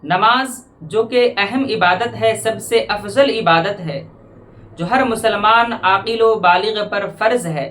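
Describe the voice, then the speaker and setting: Measured man teaching prayer pronunciation. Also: high-pitched, sharp tone, slight background noise. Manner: measured, explanatory, repeats phrases slowly to correct pronunciation. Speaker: Islamic religious teacher. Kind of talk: religious lesson on prayer.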